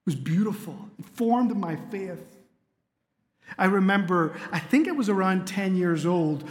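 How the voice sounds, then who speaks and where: A middle-aged pastor from Spain preaches a sermon in a church sanctuary, mixing earnest storytelling with light humor. His high-pitched voice is expressive and a little slow, and the recording carries long hall reverb.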